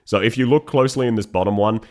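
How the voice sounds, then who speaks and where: A man's voice: on the low side, quick pace, darkish tone. A man hosting a quiz game with casual, teasing and playful banter.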